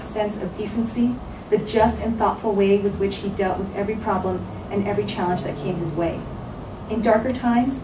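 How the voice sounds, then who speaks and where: A woman gives a solemn, scripted memorial reading in measured, deliberate phrases. She is picked up from a distance in a roomy, echoing space, with clear noise behind her. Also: mid-range voice. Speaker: speaker at a memorial, giving a tribute. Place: reading aloud in a roomy venue.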